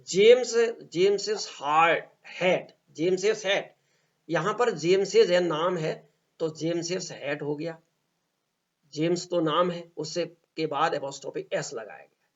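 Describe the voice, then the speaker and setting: A man explains grammar at a very slow, careful pace, drawing out each English example and going over each point twice. His voice sits a little high for a man. The recording is dull and lo-fi. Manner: slow, deliberate, reads English examples very slowly and repeats points.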